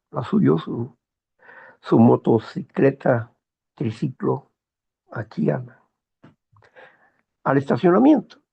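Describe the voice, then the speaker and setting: Slow, gravelly-voiced man. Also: fairly high pitch, lo-fi sound. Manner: slow, measured, moralizing with personal anecdotes. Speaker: host of a morning talk program. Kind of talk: reflective monologue.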